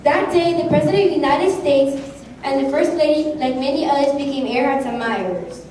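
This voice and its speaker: A woman's voice: sits high, brisk, a little mellow. A woman reading scripted narration aloud for an amateur history play. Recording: very echoey hall, distant mic, faint noise.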